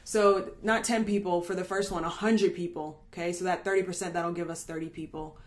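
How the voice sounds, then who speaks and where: A woman with a fairly low voice teaches a marketing training class, chatty and upbeat. She keeps checking in with her listeners and thinks out loud, correcting herself mid-stream. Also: fairly even intonation, fairly quick. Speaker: online marketing coach. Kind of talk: live training lesson.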